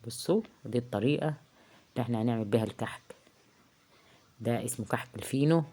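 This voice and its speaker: A home cook vlogger with an Egyptian Arabic accent talks casually through a cooking tutorial in her kitchen, recorded on a phone. A heavy cold has made her warm bass voice hoarse, and she halts often with drawn-out filler sounds.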